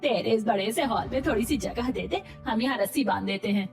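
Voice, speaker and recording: A woman's voice: a little high, a little fast, far from the mic, faint music behind, lightly acted. A woman voicing a scheming, pushy older village woman in a cartoon, talking in a coaxing, insistent way.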